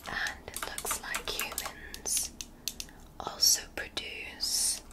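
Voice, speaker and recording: An ASMR creator, a woman, whispers in a roleplay as a curious, gentle alien doctor examining a human. She speaks slowly, softly and clinically, sounding fascinated, in a breathy whisper close to a sensitive mic. The mood is soothing and curious.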